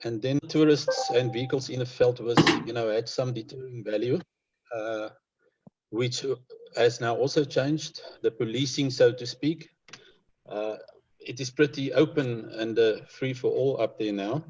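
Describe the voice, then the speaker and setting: Low-voiced Namibian man, muffled recording. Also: measured pace, a little mellow. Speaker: conservationist interviewed as guest. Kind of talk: informal panel interview. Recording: dull lo-fi online call audio.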